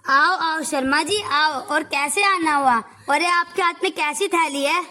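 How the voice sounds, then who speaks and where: A woman's voice: sits high, unhurried, sharp tone. A woman playing a genial village shopkeeper man in an amateur street play, with exclamatory delivery. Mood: welcoming. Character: genial male village fertilizer shopkeeper, adult.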